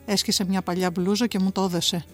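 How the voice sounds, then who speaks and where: A woman giving a measured, dramatic literary reading on the radio. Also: medium pitch, level tone. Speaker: reader. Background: soft music.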